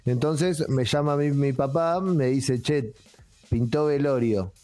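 A man's voice: medium pitch, slow pace, warm tone, faint music behind. A man with an Argentine accent, a co-host telling rambling comic anecdotes in casual chat and often breaking into laughter. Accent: Argentine Rioplatense. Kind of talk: casual comedic storytelling.

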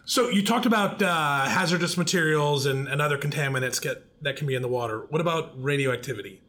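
A man's voice: fairly high pitch, fairly quick, a bit bright. Upbeat man hosting a podcast. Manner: upbeat, joking, conversational. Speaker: podcast host. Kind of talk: podcast interview.

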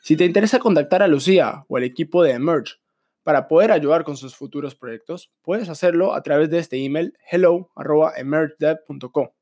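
A man hosting a technology podcast, reading a scripted introduction of his guest in a slightly raised voice. His delivery is even and measured. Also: on the high side, faint music behind. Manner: hesitant fillers when asking questions. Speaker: podcast host. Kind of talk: scripted intro then interview questions.

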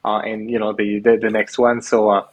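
A man's voice: on the low side, monotone, normal speed, a crowd in the background, low-quality recording. A man in his thirties from France, a podcast guest telling his story in a hesitant, casual way, full of restarts. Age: 30s. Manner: hesitant, many restarts and fillers. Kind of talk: casual interview conversation. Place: remote call from an island home.

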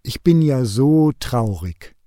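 A man voicing a small, discontented male sparrow who keeps wishing to be something else, in a lively storybook reading. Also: medium pitch, slow, dry recording, studio quality. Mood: plaintive.

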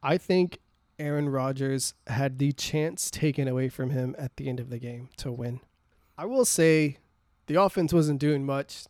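A man's voice: mid-range voice, measured pace, a little mellow, no echo, studio quality. A man co-hosting a podcast, chatting casually about sports, blunt and teasing, swearing freely. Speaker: podcast co-host.

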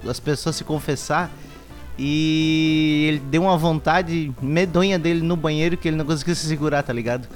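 A hungover man talks casually as a co-host. His voice sits a bit high for a man, his wording is colloquial and slangy, and music plays faintly behind him. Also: fairly even intonation, moderate pace. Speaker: talk show co-host. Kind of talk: casual chat, joke telling.

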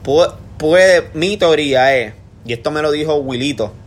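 A young Puerto Rican man co-hosting a podcast in casual chat, animated and swearing freely. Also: on the high side, normal speed, a little hiss or hum. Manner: animated, swears a lot, tells stories. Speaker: podcast co-host.

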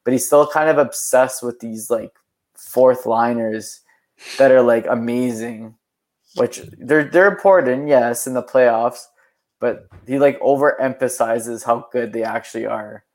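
Young male podcast co-host, casual rambling talker, mid-pitched. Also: measured pace, darkish tone. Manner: rambling, frequent "like" fillers. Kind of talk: casual sports chat.

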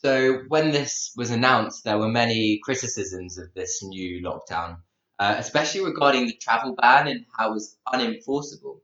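A man's voice: mid-range voice, expressive, normal speed, fairly bright tone. A man introducing a news item and putting prepared questions as a radio interviewer. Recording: echoey, slightly dull audio.

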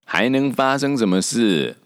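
Cocky monkey king, a man doing it, high and brash, storybook. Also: very animated, a little slow, big-room sound. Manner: cocky, dismissive, teasing. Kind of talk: storybook character voice.

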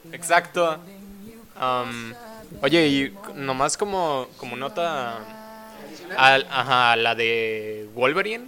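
A man in a casual chat, talking slowly with hesitations. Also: mid-range voice, pushed and bright. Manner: slow, deliberate, hesitant. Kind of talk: casual chat among friends.

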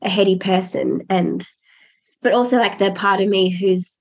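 A woman's voice: mid-range voice, fairly even intonation, normal speed, gravelly. A pregnant woman in her thirties, a podcast guest talking casually, earnest and reflective with many restarts. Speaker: podcast guest, birth doula. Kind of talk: casual interview chat. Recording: dull lo-fi audio.

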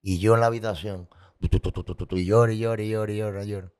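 A man's voice: lowish voice, fairly even intonation, rapid-fire, darkish tone, smooth. A man telling his personal story as a guest, candid and emotional, with vivid sound effects and repetition.

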